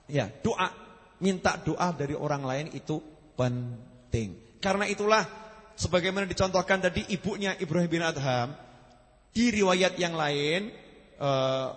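A high-voiced man preaching with a Javanese accent, animated and joking with the gathering. His voice carries a long hall reverb behind it. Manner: animated, jokes and mixes in Javanese phrases. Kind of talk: sermon.

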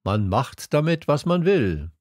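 A man reading an audiobook and voicing a pill merchant who makes a matter-of-fact sales pitch. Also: sing-song, a little slow, darkish tone, no room sound, clean studio sound.

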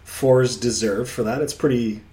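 A man's voice: mid-range voice, a little slow, dark tone. A young man hosting a podcast in a casual, chatty style. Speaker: podcast host. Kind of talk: casual chat. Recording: echoey room, faint background noise.

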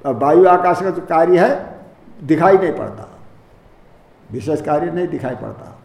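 Man with a raised pitch giving a scriptural lecture. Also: moderate pace, a little mellow, reverberant. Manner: explains Sanskrit terms word by word in Hindi; repeats and rephrases patiently. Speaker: Vedanta teacher.

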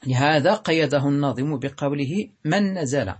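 A man teaching Arabic grammar, reading a text and explaining it slowly and deliberately, drawing out words and pausing with hesitations. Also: a little high, husky. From Morocco.

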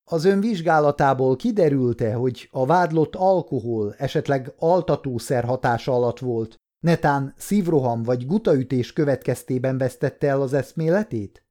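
A man's voice: medium pitch, few pauses, warm tone, close to an everyday voice. A man voicing a male prosecutor questioning a witness formally in an audiobook story.

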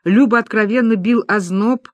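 An audiobook narrator reading a novel aloud in a lively storytelling manner, voicing the dialogue. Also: mid-range voice, normal speed, no room sound. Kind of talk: scripted narration.

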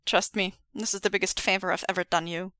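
A fed-up young woman voiced by a female reader answers in a flat, deadpan way. Her voice is bright and crisp. The sound is dry. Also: mid-range voice, quick pace, no echo, close to an everyday voice.

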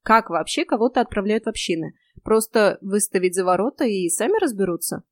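A woman narrating a fantasy audiobook in a lively, wry first-person voice, close to the mic. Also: mid-range voice, fairly quick, no room sound.

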